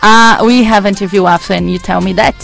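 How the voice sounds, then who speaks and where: A woman's voice: medium pitch, steady tone, brisk, gravelly, fairly bright tone, soft background music. A woman from Brazil with a Brazilian Portuguese accent, a guest in a live studio interview who speaks chatty, hopeful English with restarts.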